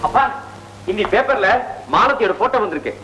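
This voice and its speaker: A man's voice: high-pitched, expressive, brisk, bright, forceful tone, soft background music, low-quality recording. An actor playing an earnest young son who insists on marrying the girl he loves. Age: young adult. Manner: eager, insistent. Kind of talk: classic film dialogue.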